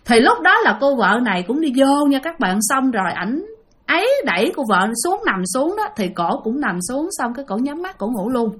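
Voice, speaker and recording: A woman's voice: sits high, sing-song, moderate pace, fairly bright tone, husky. A woman with a Southern Vietnamese accent telling a ghost story chattily, often addressing her listeners.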